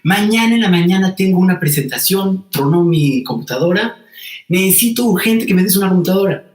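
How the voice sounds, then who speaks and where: A man's voice: sits high, expressive, a little mellow, pitched above the performer's own voice. A man voicing his insistent middle-aged uncle, who keeps pressing with urgent requests. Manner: pressing, rapid-fire pleading. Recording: roomy echo.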